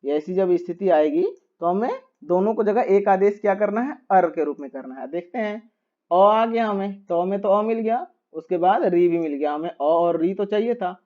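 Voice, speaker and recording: A man's voice: sits high, normal speed, lo-fi sound. A man teaching a grammar lesson, patiently repeating each step and asking rhetorical questions as he writes on a board.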